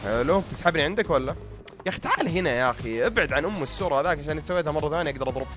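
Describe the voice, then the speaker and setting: Music plays behind a young gaming YouTuber whose slightly high, expressive voice moves very fast. Speaking with a Gulf Arabic accent, he grumbles, mocks himself, and talks straight to his audience, his tone tired and strained.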